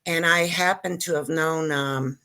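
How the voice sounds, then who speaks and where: An older Israeli woman, a native Hebrew speaker, appears as a guest comic in casual interview chat, her low voice still sounding bright and crisp. She speaks a little slowly with fairly even intonation, rambling, cutting herself off, and joking through her story.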